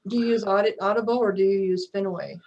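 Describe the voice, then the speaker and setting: A woman with a medium-pitched voice talks casually as a podcast guest. Her delivery is informal and conversational, like an author swapping shop talk. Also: fairly even intonation, quick pace, a little mellow, highs cut off. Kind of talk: casual chat.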